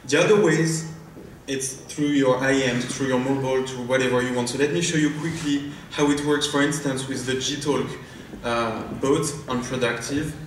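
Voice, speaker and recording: Heard from far away in an echoey, large conference hall with faint noise, a man from France speaks with a French accent. He's a startup founder demoing his product live on stage, hesitant and prone to fillers and restarts, in a mid-range, steady voice at normal speed.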